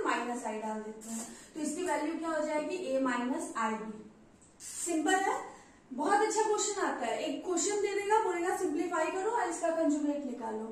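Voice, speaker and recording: A woman's voice: very high-pitched, slight background noise. A woman teaching a maths lesson at a board, patiently asking questions and answering them herself. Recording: echoey room, voice from far off.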